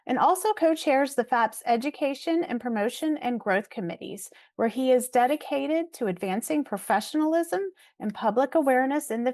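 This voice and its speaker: A woman's voice: a little high, darkish tone. A woman moderating a webinar, reading a formal speaker introduction over a video call. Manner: formal and measured.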